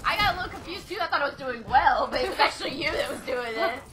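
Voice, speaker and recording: A woman's voice: high-pitched, lively intonation, fast talker, a crowd in the background. A woman giving casual gameplay commentary with her sister, joking, swearing and laughing often.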